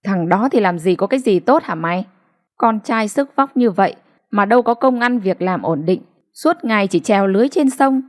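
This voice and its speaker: A woman's voice: medium pitch, expressive, normal speed, lightly acted. A woman voicing a blunt, stubborn older mother who dismisses her daughter firmly, in an audiobook reading. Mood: stubborn scolding. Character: stubborn bossy old mother, blunt and domineering.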